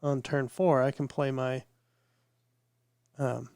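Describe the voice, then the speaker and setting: A man's voice: mid-range voice, level tone, slow, a little mellow, clear, resonant tone, no echo, studio quality. A man co-hosting a podcast, talking casually and rambling, his voice nasal from a cold. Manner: rambling, repeats words as he thinks. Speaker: podcast co-host. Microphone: podcast microphone with headphones.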